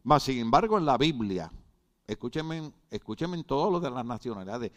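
A man's voice: mid-range voice, big pitch swings, moderate pace. A man from Puerto Rico preaching a sermon, joking with the congregation, repeating words and often asking if they are following. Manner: jokey, repeats words, often asks "right?".

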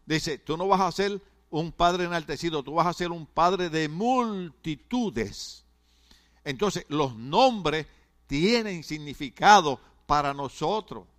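A male pastor preaches in a fairly high voice. He talks to his congregation casually, joking and stumbling over his words before pushing on. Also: sharp tone. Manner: conversational, humorous preaching with stammered restarts. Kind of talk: sermon.

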